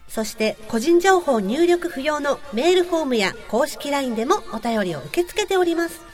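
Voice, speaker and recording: A woman reading the show's closing announcements politely and clearly. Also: high voice, lively intonation, brisk, in a large hall, recorded from a distance, faint music behind.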